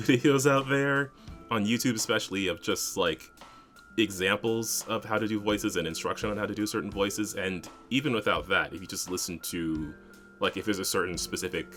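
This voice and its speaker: A man with a deep, fairly bright voice co-hosts a podcast and serves as game master. He chats casually about running tabletop games, rambling with lots of fillers and laughing frequently.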